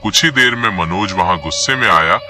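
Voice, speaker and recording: A man's voice: low-pitched, expressive, fairly quick. A man narrating a scripted horror story in a dramatic, suspenseful manner. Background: faint music.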